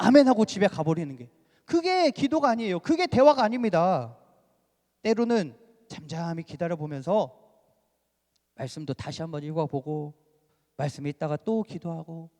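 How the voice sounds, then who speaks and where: High, lively male pastor preaching. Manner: animated preaching with frequent rhetorical questions. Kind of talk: sermon. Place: church sanctuary. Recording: reverberant church hall.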